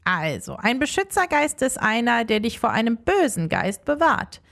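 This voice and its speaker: A small, friendly ghost from a children's storybook, as a woman reader puts him on, earnest and a little anxious. The voice sits high and moves a lot. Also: big pitch swings, moderate pace, creaky, a bit bright, heavily acted. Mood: guilty.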